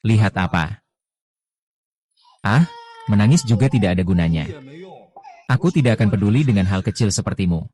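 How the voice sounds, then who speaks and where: Male dub reader with a deep, warm tone, voicing every role in one even delivery. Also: moderate pace, long pauses, no room sound. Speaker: dub voice reading all parts. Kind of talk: flat dubbed drama dialogue.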